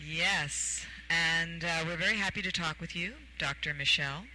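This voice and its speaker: A woman's voice: lowish voice, normal speed, sharp tone, faint music behind, rough recording. A woman hosting a radio talk show, rambling playfully with many fillers and puns. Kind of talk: casual radio chat.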